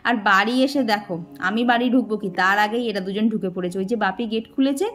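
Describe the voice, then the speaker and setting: A woman's voice: mid-range voice, quick pace, faint music behind. A young woman, chatting casually to her viewers in a vlog voice-over. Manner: chatty, addresses viewers warmly as "dear". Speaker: vlogger.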